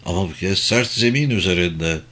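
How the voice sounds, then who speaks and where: A man narrating a thriller audiobook in a steady, measured reading. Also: deep voice.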